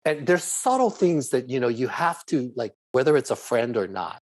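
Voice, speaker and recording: A middle-aged man from Hawaii, appearing as a podcast guest, lays out his views in an earnest, explanatory manner, speaking in long flowing runs. His mid-range voice is sing-song at a normal speed, with no room sound, in a conversational interview.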